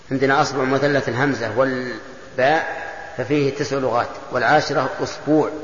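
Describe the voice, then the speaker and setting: A man teaching a lesson in a big hall, his fairly high voice ringing with a long, roomy echo. The recording sounds dull and lo-fi. He asks his listeners short questions and answers them himself, patiently running through each variant. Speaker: teacher of religious texts. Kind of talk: classroom lecture explaining grammar and texts.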